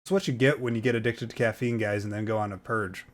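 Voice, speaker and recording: Young male YouTuber, slightly low voice, casual rambling reaction, lots of fillers. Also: fairly even intonation, fast talker, noisy background. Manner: rambling, hesitant, many fillers.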